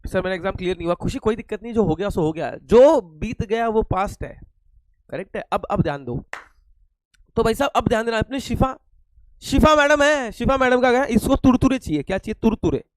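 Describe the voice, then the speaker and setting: A young Indian man teaching a live online lecture, slightly hoarse, joking and asking then answering his own questions. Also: high-pitched, expressive, fairly quick, low-quality recording.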